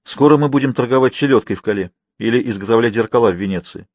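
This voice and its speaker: A man's voice: medium pitch, quick pace, darkish tone, no room sound, close to an everyday voice. A man voicing a weary merchant's wife who longs to settle down, asking brooding questions, in an audiobook. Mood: restless.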